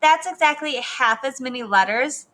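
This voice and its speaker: Snippy bossy schoolgirl mouse, bright storybook voice, read by a woman. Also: high voice, animated, normal speed. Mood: smug.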